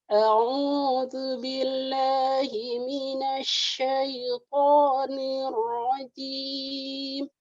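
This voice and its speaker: A woman from Indonesia, speaking, reciting Quran slowly and carefully over a video call. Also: high-pitched, level tone, a little mellow, no room sound, dull audio, soft background music. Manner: slow, measured recitation. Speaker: student reciting.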